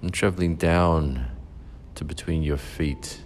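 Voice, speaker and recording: Very deep, slow-speaking man guiding relaxation. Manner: slow, calm, soothing instructions with long pauses. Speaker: meditation guide. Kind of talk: guided relaxation meditation.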